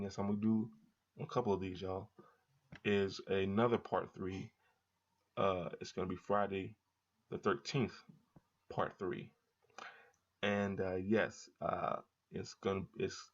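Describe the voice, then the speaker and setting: A man chatting casually as a reaction video host, rambling and halting with repeated words. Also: deep voice, steady tone. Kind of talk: casual chat, trailer reaction commentary. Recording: dull lo-fi sound.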